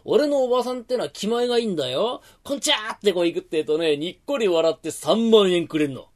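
A man's voice: high-pitched, lively intonation, fast talker. A man voicing a cheeky young tenement joker who tells breezy tall tales.

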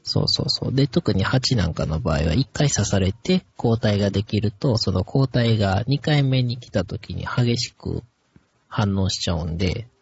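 A man with a Kansai accent co-hosting a relaxed podcast chat in an easygoing, explanatory way. His lowish voice is husky and gravelly, and his pitch moves around a lot. It is a dull, dry, lo-fi recording. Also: normal speed, no room sound. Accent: Kansai Japanese. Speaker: podcast co-host.

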